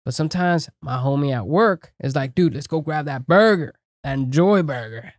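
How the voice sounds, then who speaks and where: A man's voice: a little high, normal speed, no echo, studio quality. A thirty-year-old man hosting a podcast, laid-back and chatty, swearing freely and calling his guest bro. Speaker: podcast host. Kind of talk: casual chat.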